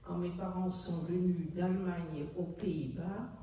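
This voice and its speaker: Speaking as a guest author at a city hall book fair, this older lady from the Netherlands, a native Dutch speaker, has a mellow, rather low voice with fairly even intonation. Her public book talk is earnest and halting as she hunts for words. The mic sits far off in the big, echoey hall, and there's slight background noise.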